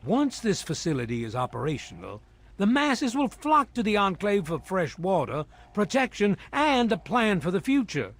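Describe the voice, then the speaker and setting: A man playing a stern, proud military villain officer in a video game, speaking in a formal, deliberate, haughty way. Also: high voice, huge pitch swings, a bit bright, heavily acted. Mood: proud, defiant. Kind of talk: dramatic video game dialogue.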